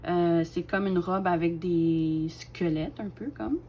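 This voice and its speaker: A woman's voice: on the low side, steady tone, slow pace, slight background noise. Chatty woman. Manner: chatty, hesitant with many fillers, laughs softly. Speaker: craft collection vlogger. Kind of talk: casual show-and-tell.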